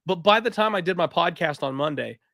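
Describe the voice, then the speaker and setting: A man hosting a sports betting podcast, recapping fights casually in a raspy, throaty voice while sick with a cough. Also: on the high side, lively intonation, a little fast, bright, forceful tone, no room sound, studio quality.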